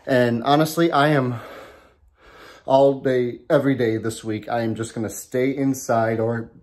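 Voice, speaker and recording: A man's voice: mid-range voice, steady tone, unhurried, darkish tone. A man in a casual home vlog, talking from his garage into a handheld camera, rambling with lots of ums and restarts and a bit out of breath. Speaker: vlogger.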